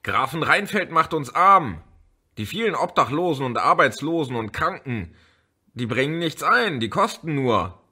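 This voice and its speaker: A man's voice: a little high, very animated, normal speed, pushed and bright, slightly rough, pitched above the performer's own voice, full character voice. A man reading an audiobook, voicing an indignant teenage boy who lectures gloomily. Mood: indignant lecturing. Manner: heated, preachy, indignant. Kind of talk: audiobook character voice.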